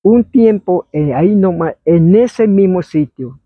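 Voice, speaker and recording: A man, telling an oral history story in a meandering way and acting out shouts and quoted voices. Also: high-pitched, expressive, measured pace, no echo. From Colombia. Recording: dry, phone-like narrow sound.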